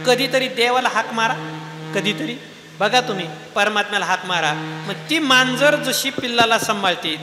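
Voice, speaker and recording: High-voiced preacher in an echoey hall. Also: male voice. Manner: rhetorical questions to the audience. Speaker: kirtan preacher. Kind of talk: devotional sermon with sung verses.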